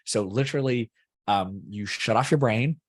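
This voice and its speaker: A man's voice: lowish voice, normal speed, no echo, clean studio sound. A young man from Canada, chatting as an interview guest in a rambling way with many fillers and restarts. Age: young adult. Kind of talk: casual interview chat.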